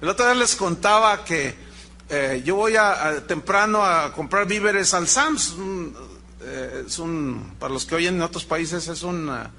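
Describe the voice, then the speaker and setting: A man's voice: a little high, measured pace, gravelly, a little hiss or hum. A man preaching a sermon, telling stories and asking the congregation questions. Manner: animated, storytelling, rhetorical questions to the congregation. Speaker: pastor.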